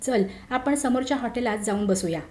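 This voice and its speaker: A woman voicing a young man, an old college friend who speaks earnestly and gravely, in a story reading. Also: on the high side, a little fast, a little mellow, natural voice. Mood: friendly. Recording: roomy echo.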